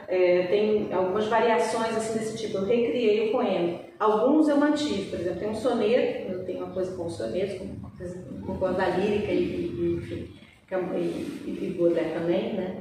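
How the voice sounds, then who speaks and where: A Brazilian woman poet, her Portuguese accent lightly mixed with a touch of Minas Gerais, speaks as a guest in a thoughtful conversational interview, reflective and full of pauses and restarts. Her voice is medium-pitched and a little mellow. Recorded from far away in an echoey library event room, with slight background noise.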